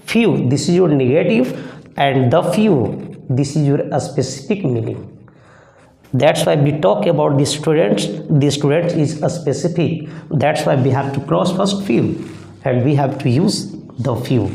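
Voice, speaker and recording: Male English teacher with an Indian accent, gravelly and mellow, slow, walking through grammar answers in an echoey room. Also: fairly high pitch, lively intonation. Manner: slow, step-by-step explaining with repeated questions. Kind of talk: grammar lesson.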